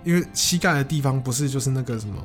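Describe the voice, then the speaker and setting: A man's voice: medium pitch, rapid-fire, soft background music. A young man tells a personal story in an earnest, stammering way, often repeating words. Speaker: vlogger.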